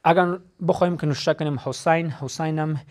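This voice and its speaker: A man gives a classroom lesson. His voice sits slightly high, and he explains each step slowly and patiently, repeating his points. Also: fairly even intonation. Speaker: teacher.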